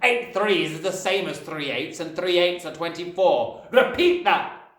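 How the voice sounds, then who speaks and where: A man's voice: high-pitched, lively intonation, unhurried, a bit bright, roomy sound, voice pushed up. Man playing the Trunchbull, a bellowing bully headmistress. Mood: scornful, barking. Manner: bellowing, domineering, theatrically scornful. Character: huge, bullying, furious headmistress spitting insults.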